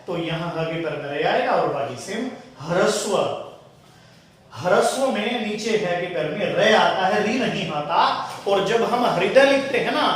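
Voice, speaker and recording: A man's voice: high voice, recorded from a distance. A male teacher giving a Hindi spelling lesson, explaining each word step by step and addressing students as "beta". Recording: very echoey room from afar.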